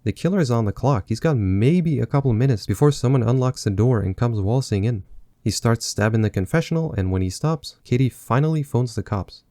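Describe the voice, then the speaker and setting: A man's voice: mid-range voice, animated, brisk, warm tone. A man recapping a film with sarcastic, mocking asides. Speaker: film reviewer. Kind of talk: sarcastic movie recap commentary.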